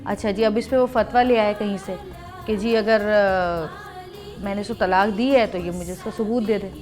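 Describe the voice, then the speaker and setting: A woman's voice: medium pitch, steady tone, a little mellow, faint music behind. A woman with a Pakistani Urdu accent hosting a TV talk show, who sets up her questions by recounting cases. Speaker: host.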